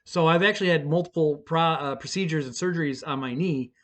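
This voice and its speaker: A man's voice: a little high, brisk. A middle-aged man casually telling a profane, self-mocking story, rambling with fillers and restarts. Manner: fillers and restarts, bursts of excited shouting.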